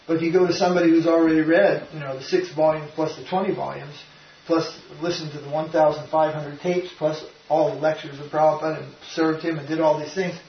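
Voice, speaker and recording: An older man teaching his followers in a loose, emphatic talk that keeps circling back and restarting. His voice sits a little high for a man and sounds set back from the microphone. The room rings around him, with a dull lo-fi tone and a faint hiss. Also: little pitch movement, a little fast. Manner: rambling and emphatic, with frequent restarts. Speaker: spiritual teacher. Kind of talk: informal devotional talk. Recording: roomy, distant, dull lo-fi sound with faint noise.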